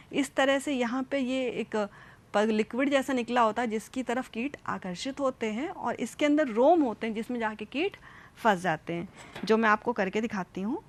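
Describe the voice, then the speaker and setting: Woman science teacher, higher voice, patient step-by-step classroom explaining. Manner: addresses children directly, repeats and demonstrates step by step. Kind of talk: classroom science lesson with demonstrations.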